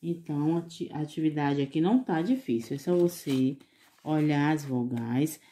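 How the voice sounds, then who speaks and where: A woman teaching young children in a recorded lesson, patiently sounding out syllables and coaxing them with gentle diminutives. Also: low-pitched, normal speed. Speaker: preschool teacher.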